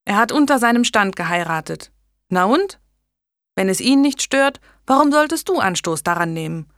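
A woman reading an audiobook, voicing an outspoken, spirited noble aunt with a lively manner. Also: mid-range voice, moderate pace, no echo, clean studio sound, voice pushed up.

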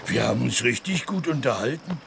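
A sweet naive elephant for a kids play, creaky, voice goes up and down a lot, noisy background. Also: male voice, mid-range voice, lively intonation, fairly quick, fairly bright tone. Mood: earnest. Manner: earnest, hesitant. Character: kind, naive, earnest male elephant. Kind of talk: children's audio drama.

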